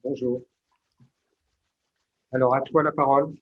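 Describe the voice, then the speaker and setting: A man moderating a conference session and introducing a speaker in a halting, repetitive way, over a dull connection. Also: medium pitch, steady tone.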